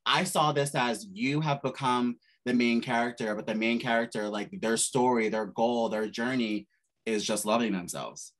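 A man's voice: mid-range voice, normal speed. A man hosting a casual interview, talking in an effusive, emphatic way full of gushing praise. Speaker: host. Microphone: studio mic.

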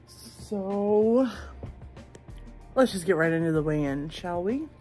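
A woman around her thirties talking in a casual, halting, informal way, as a vlogger. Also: fairly low pitch, animated, dark tone, soft background music. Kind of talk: casual vlog chat.

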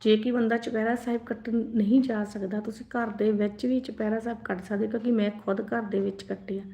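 A woman's voice: medium pitch, dark tone. A young adult woman giving earnest spiritual advice in a live-stream talk, often asking the listener questions. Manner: earnest, advising directly, asks listeners questions. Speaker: religious speaker. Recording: echoey, dull lo-fi sound.

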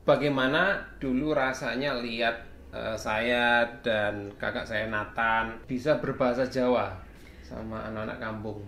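A man's voice: mid-range voice, steady tone, measured pace, a bit bright. A young man with an East Javanese accent hosting a casual chat. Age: young adult. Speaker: host, interviewing parents. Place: small home room indoors, camera mic. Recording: echoey room with background noise.

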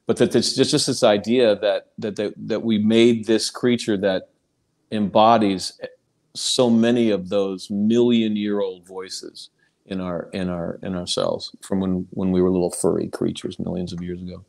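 Lowish voiced narrator guy musing on a livestream, keeps stumbling and restarting. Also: fairly even intonation, measured pace, gravelly, a little mellow. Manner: thoughtful, searching for words, stammering restarts. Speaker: audiobook narrator and actor. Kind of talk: casual livestream chat.

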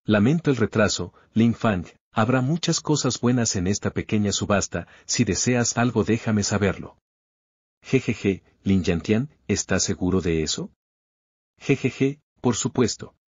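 A man's voice: fairly low pitch, expressive, moderate pace, a little mellow, breathy edge, no echo. A man voicing a scheming cultivator who acts friendly while chuckling slyly. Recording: slightly dull lo-fi recording.

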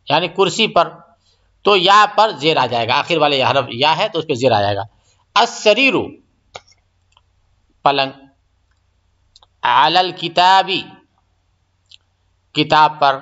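Male teacher, fairly high and bright voice, slow and patient, repeats every phrase; dull lo-fi recording. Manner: patient, repeats each phrase and explains step by step. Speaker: Arabic teacher. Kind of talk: recorded grammar lesson.

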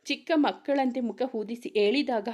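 A woman's voice: a little high, normal speed, a little mellow. Woman reading a romance story aloud. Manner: narrates and speaks all characters in one voice.

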